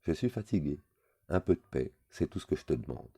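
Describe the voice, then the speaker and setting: A man playing a bitter old drunk, weary insulting rants, very deep dark voice, dry sound. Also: big pitch swings, a little fast, husky, no room sound, exaggerated voice.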